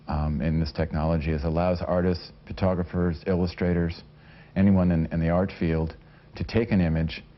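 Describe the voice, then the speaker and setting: An American man in his forties answers in an interview. His voice is very low and his delivery is a bit halting. The recording is dull vintage television audio. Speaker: interviewee, professional photographer.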